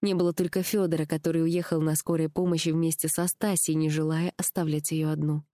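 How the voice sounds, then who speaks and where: A woman narrating an audiobook with an even, measured reading. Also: sits low, no room sound, clean studio sound.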